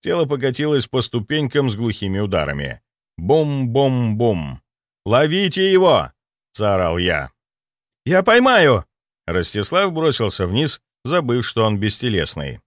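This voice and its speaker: A man reads a first-person audiobook in a mid-pitched voice with lively, animated intonation. The sound is dry and close, with no room around it. His storytelling stays steady and matter-of-fact. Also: moderate pace, no room sound. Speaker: audiobook narrator.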